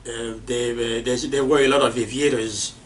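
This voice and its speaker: A man giving an unscripted lecture on flight history, halting and repeating himself with many fillers. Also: mid-range voice, steady tone. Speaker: aviation instructor. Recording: distant mic with faint noise.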